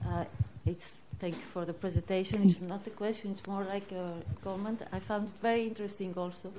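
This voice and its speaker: Woman in the audience, halting spontaneous comment, faint background noise. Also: medium pitch, steady tone, dark tone. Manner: hesitant, searching for words. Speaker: audience member.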